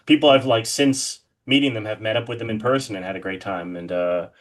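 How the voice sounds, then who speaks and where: On a podcast, a horror artist speaks as a guest in a low-leaning voice that runs a little fast. He's casual, enthusiastic, and effusive in how he phrases things.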